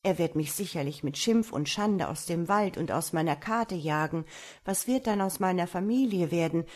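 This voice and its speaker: A woman's voice: on the low side, moderate pace, darkish tone, lightly acted. A woman reading the lines of a poor, kind-hearted male woodcutter in a fairy tale, earnest and worried.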